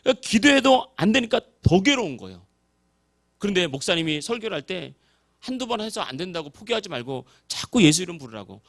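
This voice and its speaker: Male pastor, high and very expressive voice, storytelling sermon in a church. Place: church sanctuary.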